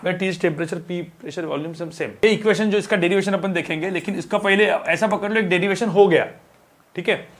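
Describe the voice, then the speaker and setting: Brief: young male physics teacher, higher pitch, casual and chatty, stretches words while writing on the board. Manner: talks while writing on a board, drawn-out words, many filler checks. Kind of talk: casual classroom lecture.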